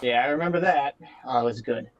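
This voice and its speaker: A man co-hosting a podcast who answers with short reactions and drawn-out exclamations in casual chat. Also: mid-range voice, highs cut off, a crowd in the background.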